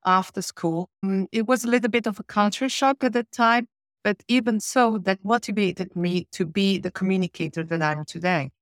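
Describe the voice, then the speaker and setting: In a podcast interview, a mid-range female voice explains things steadily, pausing often with "uh." She is a guest working as a change and communication manager, native Italian speaker, from Switzerland and southern Italy. The audio is dry and close, without room sound.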